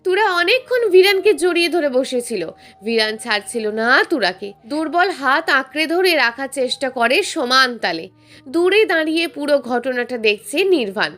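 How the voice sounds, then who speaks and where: High-voiced woman narrating a story. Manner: steady, measured storytelling. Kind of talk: scripted narration.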